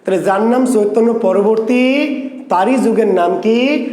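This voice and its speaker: A man teaching an exam prep class online, who repeats key terms slowly and asks and answers his own questions. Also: high voice, darkish tone, reverberant.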